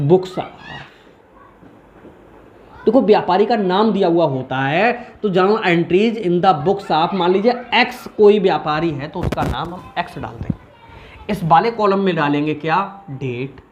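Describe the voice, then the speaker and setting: Lively male commerce teacher. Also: high-pitched, slow pace, pauses often, highs cut off, a little hiss or hum. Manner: animated, asks and answers his own questions. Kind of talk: informal recorded lesson.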